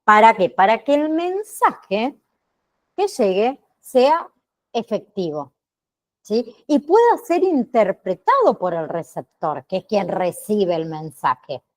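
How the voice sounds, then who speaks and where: Slow, deliberate woman teaching online. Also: mid-range voice, very animated. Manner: frequent tag questions, slow and deliberate. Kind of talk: online class lecture. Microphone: computer mic on a video call.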